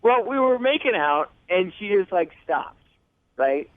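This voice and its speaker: A man's voice: sits high, very animated, unhurried, no room sound. A man calling in to a radio show, sheepish and laughing as he tells a story. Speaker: caller. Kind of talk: phone call on a radio show. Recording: tinny phone line.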